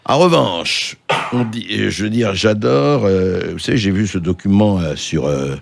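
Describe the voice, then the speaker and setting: A man speaking as a radio guest in a studio discussion, lively and rambling with laughing asides. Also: sits low, measured pace, vocal fry, noisy background. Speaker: radio host, guest commentator. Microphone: studio microphone.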